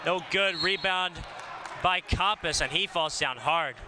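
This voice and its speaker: A man's voice: sits high, measured pace. A man doing live play-by-play for a basketball game, his calls rising on big plays. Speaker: play-by-play announcer. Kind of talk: live sports commentary. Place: basketball arena. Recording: noisy arena broadcast.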